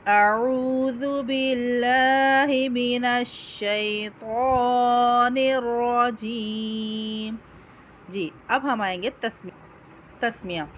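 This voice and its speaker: A woman teaching Quran recitation, chanting each phrase slowly and drawn out, with quick spoken instructions between them. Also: medium pitch, muffled recording, a little hiss or hum. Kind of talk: slow call-and-repeat recitation lesson.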